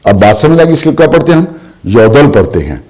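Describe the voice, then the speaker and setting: A man teaching a language lesson, explaining slowly and asking questions he answers himself. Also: mid-range voice, very animated, a little mellow. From Pakistan. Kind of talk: classroom lesson.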